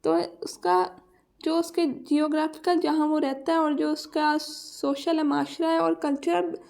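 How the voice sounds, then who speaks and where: A Pakistani woman teaching a lesson on pronunciation, reading English points slowly and then explaining them in Urdu. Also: sits high, fairly even intonation, creaky, a little mellow.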